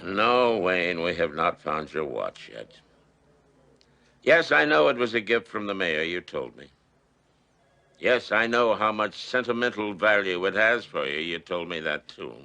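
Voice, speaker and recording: An actor playing a veteran district attorney, a gruff older man who snaps with exasperation and gives curt orders. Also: low voice, very animated, unhurried, bright, forceful tone, heavily acted. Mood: exasperated.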